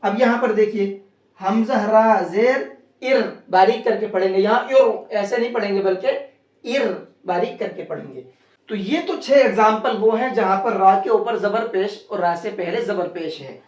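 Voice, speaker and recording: A Quran recitation teacher giving a slow, step-by-step tajweed lesson, spelling out letters and vowel marks one by one and then repeating the joined word, with frequent rhetorical questions. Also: mid-range voice. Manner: patient, repetitive explaining with frequent rhetorical questions. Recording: roomy, distant and dull-sounding.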